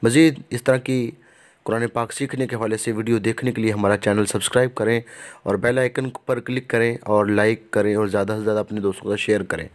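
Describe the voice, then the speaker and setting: Brief: male presenter with a lowish voice, direct channel promo read. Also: flat delivery. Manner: direct call to subscribe and share. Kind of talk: promotional announcement.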